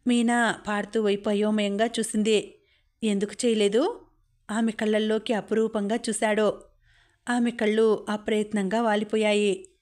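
A woman narrating a romance novel for an audiobook in a steady storytelling voice. Her pitch sits in a middle range and stays flat, without much rise or fall. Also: moderate pace.

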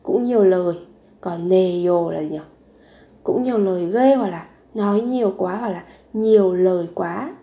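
A woman's voice: on the low side, normal speed, dark tone. Woman teacher repeating phrases patiently. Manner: repeats each phrase three times, then explains; asks rhetorical questions while explaining. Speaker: Korean language teacher. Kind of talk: language lesson narration.

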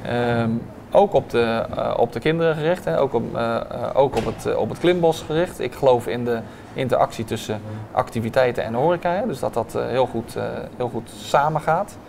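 A man in his thirties, a restaurant owner, answering interview questions with many hesitant filler sounds, recorded on a lapel mic in a bright restaurant dining room. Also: medium pitch, a little fast, creaky, hardly any pauses, slight background noise.

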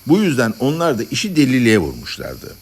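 A man narrating a satirical story as an audiobook reader, with an expressive, dramatic delivery. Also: mid-range voice, fairly quick, slightly rough.

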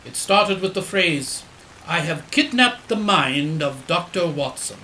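A man plays a loyal, earnest doctor in an audio drama. The voice is high and bright, explaining things in measured phrases in a roomy space. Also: lively intonation, slight background noise, heavily acted. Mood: earnest recounting. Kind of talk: audio drama acting, storytelling.

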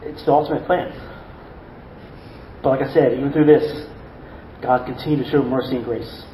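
A man's voice: medium pitch, fairly even intonation, normal speed, dark tone, roomy sound, slight background noise, low-quality recording. A male pastor preaching a sermon earnestly, often repeating words and asking rhetorical questions. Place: church.

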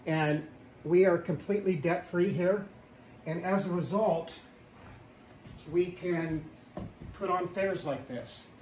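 Speaking slowly and pausing often, a man in his fifties with a high-pitched, darkish voice leads a casual tour of his wood-paneled tiny house. He's plain and matter-of-fact, with frequent ums. The recording, made by a camera a few feet away, is roomy and slightly distant with a faint hiss.

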